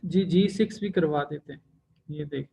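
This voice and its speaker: A man's voice: fairly high pitch, moderate pace, vocal fry, dark tone, breathy edge, low-quality recording. A man teaching a language lesson, explaining each step patiently with frequent fillers.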